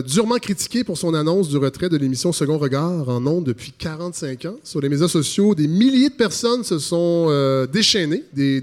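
A man's voice: on the high side, a little mellow. A man, hosting a podcast and delivering satirical news commentary in a mock-serious, ironic way with many hesitations. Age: 40s. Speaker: podcast host.

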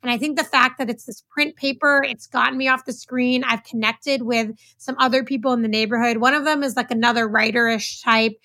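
A woman's voice: on the high side, fairly even intonation, fairly quick, hardly any pauses, bright, forceful tone, no echo. An enthusiastic woman from California co-hosting a podcast, chatting casually with lots of "like". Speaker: podcast co-host.

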